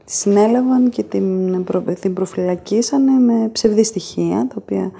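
A woman's voice: medium pitch, gravelly, warm tone, breathy edge. A woman giving a formal, factual account in a documentary interview.

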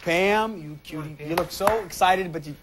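A man hosting a game show, teasing and joking with contestants over a loud studio audience. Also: a little high, normal speed, very noisy. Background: loud studio crowd.

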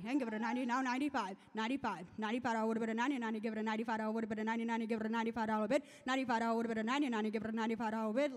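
Very fast young female auctioneer chanting. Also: fairly high pitch. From Iowa, United States. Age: young adult. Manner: rolling chant of repeated numbers and filler phrases. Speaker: auctioneer contestant. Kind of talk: auctioneer chant, rapid rhythmic bid calling. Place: large indoor stage at a competition. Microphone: handheld microphone. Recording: reverberant hall sound over PA.

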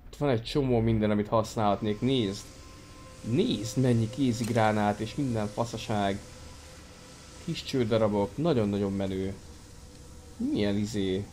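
A young man giving casual, excitable commentary while playing a video game, cursing now and then. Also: lowish voice, pauses often, slight background noise. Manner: excitable, chatty, swears casually. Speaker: gameplay streamer. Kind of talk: casual let's-play commentary, reading game dialogue aloud in Hungarian.

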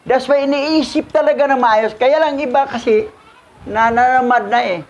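Very high voiced man, casual sermon commentary, repeats himself, chuckles, slips into english. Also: moderate pace, lo-fi sound. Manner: repetitive, chuckling, mixing in English. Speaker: religious teacher.

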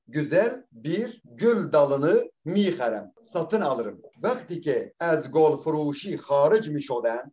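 A male teacher walks a class through a reading, one line at a time. He repeats each word, asks a question and then answers it himself, in a voice sitting a little higher than most men's. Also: warm tone, lo-fi sound. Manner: explains patiently, repeats words, asks questions and answers them. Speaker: language teacher. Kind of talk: classroom lesson, reading and translating a text line by line.

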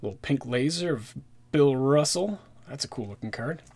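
A man chatting casually while opening trading card packs, rattling off player names and getting excited at good pulls. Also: mid-range voice, moderate pace, husky. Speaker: card-collecting YouTuber. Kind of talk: casual pack-opening commentary. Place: indoors at a desk with a card display backdrop.

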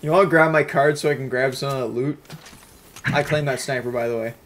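A man streaming a game and chatting casually with friends, excitable and quick to yell when things go wrong. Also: medium pitch. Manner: excitable, yells at game mishaps. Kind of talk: casual gaming chat. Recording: loud noise and clicks.

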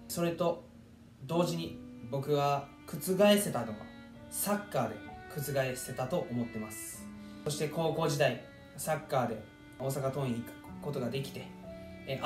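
A man in his twenties with a Kansai accent, a soccer player making a goofy mock-apology vlog. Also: mid-range voice. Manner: goofy, swings into loud joking outbursts. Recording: echoey room with background music.

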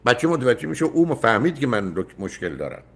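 A man's voice: mid-range voice, big pitch swings, gravelly. An older man hosting a call-in advice show, emphatic and often cutting in with repeated no's. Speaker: radio psychologist host.

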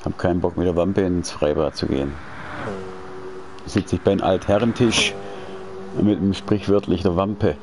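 At home, a deep-voiced sim racing streamer in his forties chats while he plays, rambling over the engine noise of the racing game. His pace is moderate with long pauses, and his relaxed, talkative style is full of slang and restarts.

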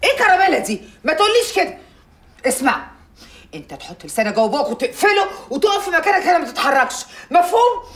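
An actress playing a sharp-tongued, high-strung lawyer, speaking Egyptian Arabic in a fast, fiery, insistent way. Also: female voice, big pitch swings. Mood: indignant. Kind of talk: TV drama acting.

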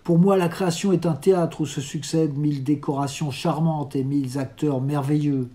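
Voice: mid-range voice, fairly even intonation, normal speed, warm tone, lightly acted. A reader voicing a proud young son who scorns his blind brother, in a disdainful, dismissive tone within a storybook reading. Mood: scornful.

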